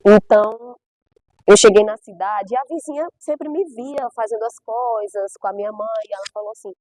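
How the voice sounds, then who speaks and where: A woman's voice: on the high side, moderate pace, darkish tone, rough recording. A middle-aged woman from Brazil's Northeast, a gospel singer giving her testimony in an emphatic, storytelling way with repeated phrases. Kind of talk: personal testimony.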